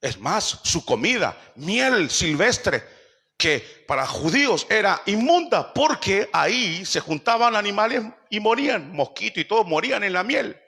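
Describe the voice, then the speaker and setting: A man's voice: sits high, big pitch swings, a little slow, sharp tone, husky. A man pastor preaching a sermon, firing rhetorical questions at the congregation and acting out quoted speech. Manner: acts out quoted speech in shifting voices. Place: church service.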